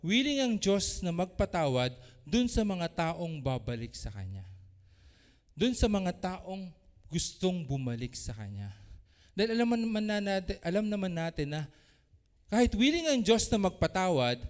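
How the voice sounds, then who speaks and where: A man preaching a sermon as pastor, animated, swinging between loud exclamations and soft asides. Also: high voice. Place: church. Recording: church hall with long reverb.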